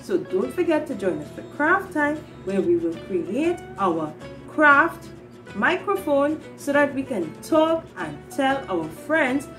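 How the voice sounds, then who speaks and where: A Trinidadian woman in her thirties, a preschool teacher and children's show host, leads a circle-time lesson for young children using simple, instructive phrases. Her voice is high, sing-song, slow and a bit bright, picked up from a distance with soft music behind it. She's in a small indoor room with a classroom display wall.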